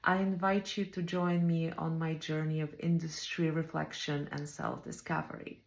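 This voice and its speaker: A woman with a Bulgarian accent, a native Bulgarian speaker, who leads home care operations. She reflects on her career in a measured way, with frequent ums. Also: sits low, little pitch movement, vocal fry, reverberant.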